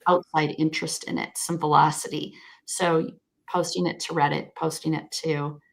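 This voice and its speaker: A woman's voice: sits low, level tone, normal speed, creaky. A woman speaking as a guest expert on a video call, explaining search crawling in a thoughtful, frank way with frequent self-corrections. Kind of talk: conversational explanation.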